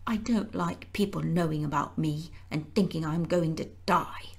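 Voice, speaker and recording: A woman's voice: deep voice, normal speed, creaky, darkish tone, breathy edge, full character voice. A woman reading aloud and voicing a sickly, lonely young boy in a weak whisper. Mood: forlorn.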